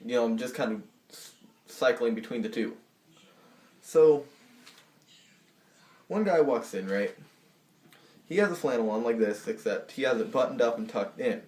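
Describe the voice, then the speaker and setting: Man telling an animated story in an echoey room. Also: medium pitch, normal speed, long pauses. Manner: animated storytelling that acts out the voices. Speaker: vlogger. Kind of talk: storytime vlog.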